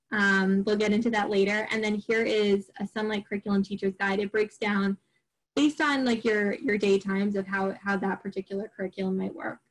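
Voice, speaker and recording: A woman's voice: medium pitch, poor audio. Middle-aged woman presenting to parents; casual, rambling delivery with fillers. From Long Island, New York. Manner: chatty, many fillers and restarts. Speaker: homeschool group presenter. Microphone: recorded online program.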